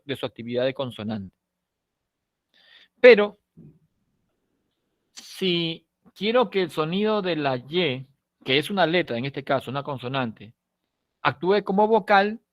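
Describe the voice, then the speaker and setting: In a recorded online class, a man with a Peruvian Spanish accent explains step by step, slowing on key words, letting phrase endings fade softly and checking in with frequent tag questions. His voice is a little high, with no room sound.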